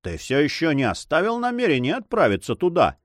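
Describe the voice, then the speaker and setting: A man voicing an excitable, easily discouraged male sailor who complains and exclaims. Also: fairly high pitch, normal speed, no room sound, clean studio sound, voice pushed up.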